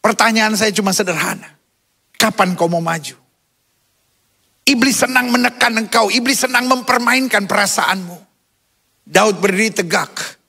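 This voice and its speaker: A male pastor preaches fervently and calls the congregation into repeated responses, rising to shouted peaks. His voice sits very high and sounds bright and piercing. A gravelly rasp runs under it. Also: moderate pace, pauses often. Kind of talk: sermon.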